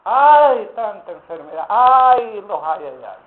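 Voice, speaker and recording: A man voicing a self-pitying churchgoer who makes excuses with drawn-out moaning sighs. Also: high voice, sing-song, pitched above the performer's own voice, exaggerated voice. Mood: whiny. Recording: tinny phone-like sound, roomy echo.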